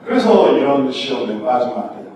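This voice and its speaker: A man preaching a sermon as pastor, animated, acting out people's inner thoughts and questioning his listeners. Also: mid-range voice, fairly quick. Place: church sanctuary. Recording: echoey church hall, mic at a distance, background noise.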